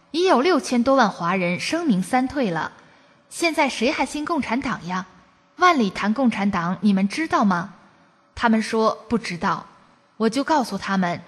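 A woman's voice: fairly high pitch, slightly rough, big-room sound. A woman from China reading a first-person testimony aloud, in an earnest, preachy storytelling cadence.

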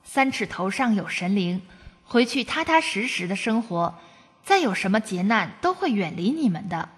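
A woman's voice: medium pitch, very animated, moderate pace, breathy edge, long reverb tail. A woman from China reading a first-person testimony aloud, in an earnest, preachy storytelling cadence.

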